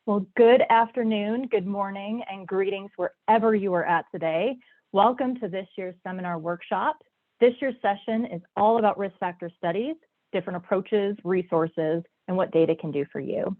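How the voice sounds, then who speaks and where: A woman's voice: mid-range voice, normal speed, no echo. Woman presenter, head cold, nasal and stuffy, chatty and eager, narrow tinny call audio. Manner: enthusiastic, chatty. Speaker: workshop presenter. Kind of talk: online workshop presentation. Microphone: video call. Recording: dry, phone-like video call audio.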